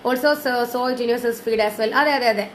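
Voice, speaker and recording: Female live-sales host, higher register, casual and chatty despite a cold, some background noise. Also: slow pace. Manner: chatty, mixing in English words. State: has a lingering cold and cough. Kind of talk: casual live sales chat, greeting viewers.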